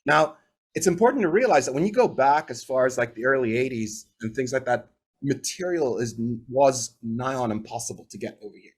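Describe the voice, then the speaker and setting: A native English-speaking man from Bahrain, in his forties, tells stories as a guest in a video-call interview. His medium-pitched voice is brisk and breathy-edged with lively intonation, and his casual talk winds along chattily, tagging points with "right?".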